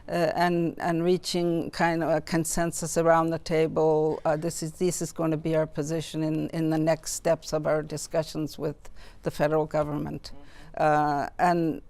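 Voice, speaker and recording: An older interview guest from Nunavut in Canada, reflecting in a halting, thoughtful way with pauses and repeated words. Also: mid-range voice, monotone, darkish tone, no room sound.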